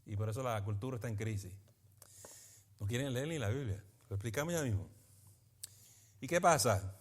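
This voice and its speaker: A man, a pastor teaching a Bible study in a lively preaching manner, often asking his listeners for agreement. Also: medium pitch, moderate pace. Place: church meeting in a school building.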